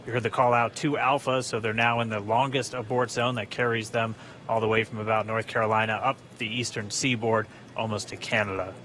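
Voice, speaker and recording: A man's voice: fairly low pitch, little pitch movement, a little fast, bright, forceful tone, slight background noise. A man hosting a live webcast, giving launch commentary.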